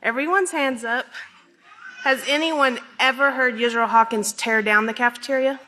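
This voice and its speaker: A woman's voice: sits high, fairly even intonation, moderate pace, pushed and bright, long reverb tail, rough recording. A middle-aged woman giving a speech to a congregation at a pulpit microphone, addressing listeners directly and personally. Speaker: religious speaker. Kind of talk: speech to a congregation with read-out quotes.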